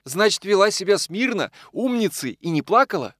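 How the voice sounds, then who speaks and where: A man putting on a brash, superstitious working man in a storybook reading, his voice pushed up and lively. He sounds gruff and quick to scold, in a dry, close recording. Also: high voice, dry recording, pitched above the performer's own voice, exaggerated voice. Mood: teasing. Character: boastful, short-tempered working man, superstitious. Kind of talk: audiobook character voice.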